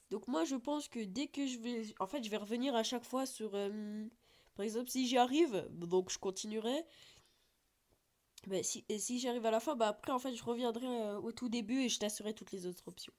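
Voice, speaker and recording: A woman hosting a casual phone-game video, talking in a loose, rambling way full of fillers and false starts. Her voice sits at an ordinary middle pitch for a woman. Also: a little mellow. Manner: chatty, rambling with many fillers and restarts. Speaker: gaming YouTuber. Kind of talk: casual gameplay commentary.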